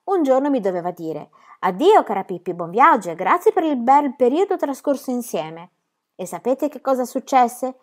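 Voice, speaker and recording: A woman's voice: a little high, big pitch swings, normal speed, voice pushed up. A woman doing bold cheeky little girl. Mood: boastful. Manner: exuberant, theatrical, tall-tale telling. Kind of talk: storybook reading.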